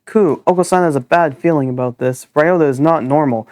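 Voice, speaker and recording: A man's voice: fairly high pitch, a little fast, darkish tone, no room sound, studio quality, close to an everyday voice. A man voicing an odd male pigeon student who coos and calls himself by name, reading a visual novel aloud. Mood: odd, chirpy. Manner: cooing, refers to himself in third person.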